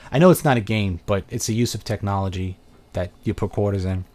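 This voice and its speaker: Talking fairly quickly in a lowish, darkish voice, this live video chat host is a middle-aged man from Brooklyn with a New York accent. He chats casually over a webcam, fielding viewer questions and rambling as he thinks aloud with fillers.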